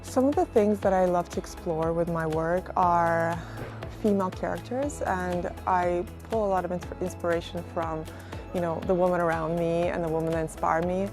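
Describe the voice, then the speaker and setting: Reflective woman artist over soft music. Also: on the low side, steady tone, normal speed. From Kazakhstan. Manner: reflective, many fillers like "sort of" and "like". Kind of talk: interview monologue.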